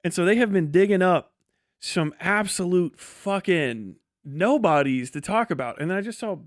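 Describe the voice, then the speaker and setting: A man livestreams casual commentary in a blunt, scornful way, swearing constantly and rambling haltingly with false starts and digressions. His high, animated voice is captured in dry, studio-quality audio.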